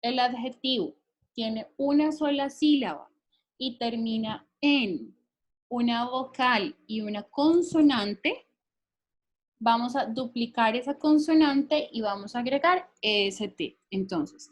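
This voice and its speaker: Speaking at a measured pace with a fairly high voice, this teacher explains English grammar in Spanish for a recorded lesson. She takes her time and regularly pauses to ask whether her students understand.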